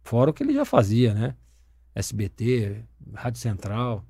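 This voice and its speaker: A middle-aged Brazilian man, once a footballer and now a broadcaster, chats casually in an interview, telling stories animatedly and swearing freely. His mid-range voice is unhurried, with vocal fry and a breathy edge, a Brazilian Portuguese accent, and a dry recording.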